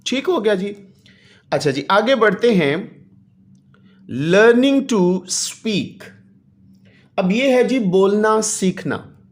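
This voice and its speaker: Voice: medium pitch, expressive, measured pace. A teacher explains an English lesson to children, reading each English line aloud and then translating it, with polite fillers. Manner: patient, addresses children, adds polite fillers.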